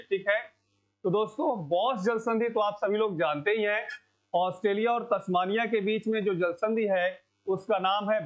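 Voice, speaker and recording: A man teaching an exam-prep lecture, repeating key answers and quizzing the class. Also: high-pitched. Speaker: coaching teacher. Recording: dull lo-fi sound.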